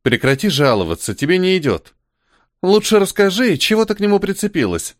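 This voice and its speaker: A man's voice: high voice, very animated, brisk, dry recording, voice pushed up. A dry, sarcastic young archer woman, voiced by a man.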